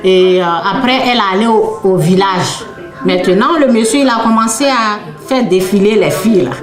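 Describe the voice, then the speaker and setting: A woman's voice: mid-range voice, normal speed, roomy sound, faint music behind. A woman, preaching a conversational testimony that tells a story, repeats phrases and tags her lines with "là" and "hein".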